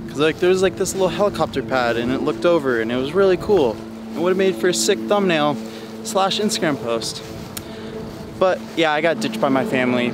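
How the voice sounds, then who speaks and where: A man's voice: fairly high pitch, background noise. A young man in his twenties talking laid-back and slangy to a handheld camera while hiking and at the beach. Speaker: travel vlogger. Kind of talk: casual travel vlog. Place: outdoors on a hiking trail and beach. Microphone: handheld action camera at arm's length.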